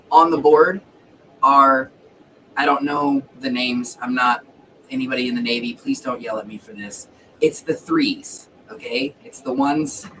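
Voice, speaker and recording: A man with a mid-range, slightly bright voice hosts a casual livestream while fighting the hiccups. He rambles, corrects himself as he goes, and swears now and then. The mic is distant, with faint background noise.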